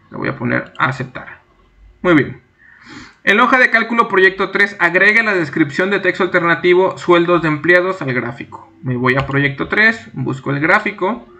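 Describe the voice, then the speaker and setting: A young man teaching a screen-recorded software tutorial, reading each task aloud and then narrating his clicks step by step at a desk mic. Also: sits high. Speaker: instructor.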